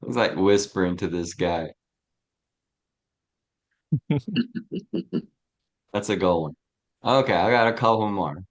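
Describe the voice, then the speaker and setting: A man teaching a casual spiritual study class, relaxed and chuckling often, checking in with his listeners as he goes. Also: low voice. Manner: relaxed, chuckling, frequent "right?". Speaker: teacher of a tarot study group.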